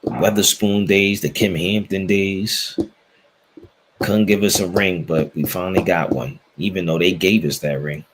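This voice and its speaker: A man's voice: low-pitched, fairly even intonation, unhurried, noisy background. An American man hosting a casual sports chat, opinionated and repeating phrases for emphasis. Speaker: talk show host.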